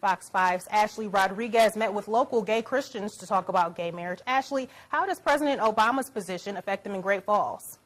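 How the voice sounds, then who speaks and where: A woman news anchor, reading scripted news in a steady, formal way. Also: medium pitch, brisk, hardly any pauses.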